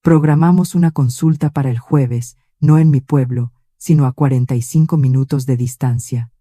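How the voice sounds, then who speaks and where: Calm male lawyer, read by a woman, firm quiet voice, deliberate questions, dark tone. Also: a bass voice, no echo, clean studio sound.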